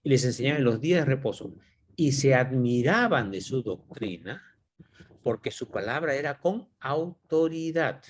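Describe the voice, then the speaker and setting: A man at a mid pitch teaching scripture in an easygoing, conversational way. He muses aloud and keeps checking in with rhetorical questions. A faint noise sits behind his voice. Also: expressive, normal speed. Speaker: Bible study teacher. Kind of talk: informal Bible teaching.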